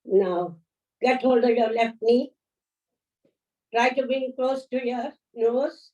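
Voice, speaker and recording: A woman leading a yoga class, giving gentle, unhurried instructions, counting holds and offering encouragement. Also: fairly high pitch, lo-fi sound. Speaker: yoga teacher. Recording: voice from a distance off the mic.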